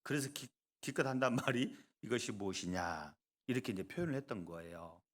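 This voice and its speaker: Male pastor preaching in a lively, sing-song voice, with punchy emphasis, hushed asides and jokes for the pews. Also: mid-range voice, fast. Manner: animated, swings between loud emphasis and soft asides; joking, conversational asides to the congregation. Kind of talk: sermon.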